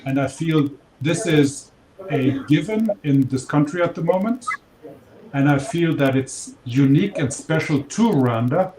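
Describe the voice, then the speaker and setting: A man in his fifties from Kenya, answering interview questions in a measured, reflective way with some fillers and restarts. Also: fairly high pitch. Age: 50s. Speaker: interview guest. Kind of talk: casual interview conversation. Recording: noisy background.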